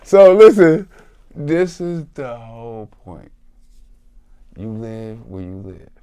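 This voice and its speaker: A man's voice: medium pitch, sing-song, slow, warm tone. A man from Columbus, Ohio, with an Ohio accent, telling his life story as a podcast guest in an emphatic, profane, preachy way. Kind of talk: emotional storytelling.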